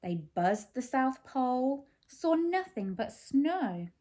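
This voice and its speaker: This children's story reader has a high, mellow voice that swoops widely in pitch as she reads slowly. She brings a picture book to life for young listeners, asking them simple questions and explaining as she goes.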